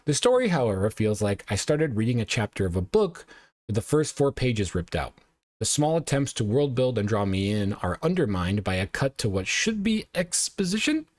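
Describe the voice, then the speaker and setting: A man's voice: lowish voice, a little mellow, dry recording. A male show host casually recapping and reviewing anime episodes, rambling and often correcting himself with lots of uhs.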